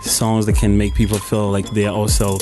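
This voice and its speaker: Hesitant low-voiced young man. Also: completely flat delivery, fairly quick, over music. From Uganda. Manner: hesitant, full of "you know" and restarts. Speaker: musician guest. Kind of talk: radio interview. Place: radio studio.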